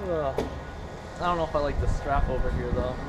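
A man's voice: mid-range voice, a little fast. A young man in his twenties vlogging a night road trip, making playful mock-announcer jokes into a camera on a pole. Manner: joking, mock announcer lines. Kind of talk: casual travel vlog. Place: car at night, then outdoor gas station. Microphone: camera on a handheld pole. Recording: loud road and outdoor noise.

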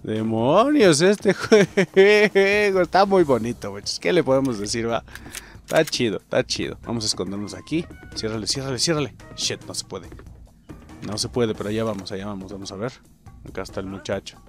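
A young man with a Mexican Spanish accent, commenting on his own gameplay with excitable, profane jokes aimed at his viewers. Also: on the low side, brisk, soft background music. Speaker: gaming channel host.

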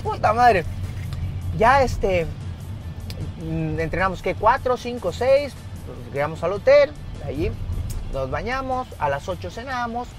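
Mexican man, high voice, swings up and down, raunchy casual storyteller, faint music under him. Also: a little slow. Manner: animated, crude, laughing between lines. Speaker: guest, former footballer.

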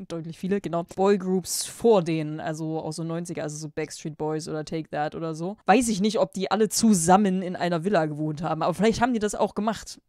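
A woman reading a fan story aloud and breaking off for sarcastic, dry commentary, even reading out the emojis and punctuation. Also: on the low side, no room sound. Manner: sarcastic, dry ironic asides.

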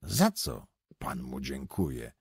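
A man's voice: extremely low pitch, huge pitch swings, slow, creaky, darkish tone, slightly rough, no echo, clean studio sound, voice pushed down, heavily acted. A man voicing an irritable young male poet who speaks in curt, grumbling lines in an audiobook. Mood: grumpy, suspicious.

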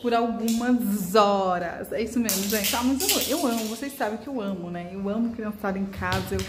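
A woman's voice: medium pitch, normal speed, music in the background. A young woman hosting a casual home vlog, bubbly and sing-songy as she talks with small children. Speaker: vlogger host. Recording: echoey room with background noise.

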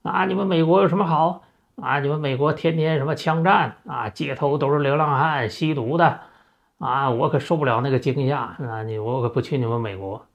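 A man voicing his stubborn, nearly hundred-year-old peasant father, who shouts his refusals and scolds, in a dull lo-fi recording. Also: mid-range voice, brisk, vocal fry, pitched above the performer's own voice, natural voice. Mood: indignant.

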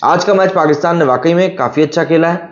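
A man's voice: on the high side, fast talker. A man giving a casual, chatty cricket match analysis, often calling viewers brother. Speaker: cricket news presenter. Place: studio. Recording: echoey, slightly dull room recording.

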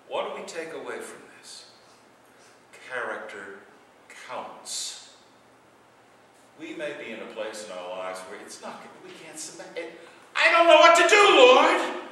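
A middle-aged man, a priest, preaching a sermon with big swings between loud passages and hushed ones. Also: high-pitched, slight background noise. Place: church sanctuary. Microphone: far camera. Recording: echoey church from far off.

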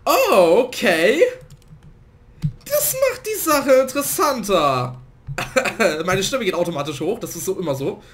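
Excitable hoarse gamer. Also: male voice, sits high, unhurried, slight background noise. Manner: excitable, swings to loud outbursts and laughter. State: slightly hoarse from a cold. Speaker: gaming let's player. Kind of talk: casual let's play commentary.

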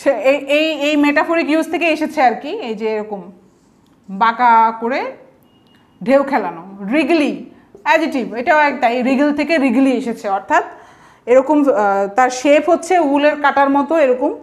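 A woman's voice: sits high, animated, normal speed. A woman teaching English vocabulary, explaining each word patiently and slipping English example sentences into her talk. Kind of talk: explanatory lesson.

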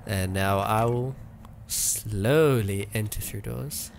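A man's voice: lowish voice, takes it slowly, gravelly, a little hiss or hum. A man commenting casually on a horror video game as he plays, wry and sarcastic. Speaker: let's play host.

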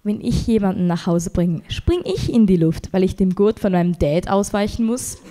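A woman's voice: animated, mellow. A young woman performing a rambling, self-deprecating stand-up set on a comedy club stage. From Switzerland. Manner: rambling, self-deprecating, quick jumps in pitch when exasperated.

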